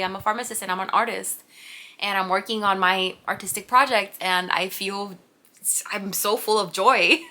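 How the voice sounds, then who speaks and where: At home, a woman in her late twenties from Puerto Rico, whose native language is Spanish, vlogs casually to camera without a script, giggly and rambling. Her medium-pitched voice sounds pushed and bright on the camera mic.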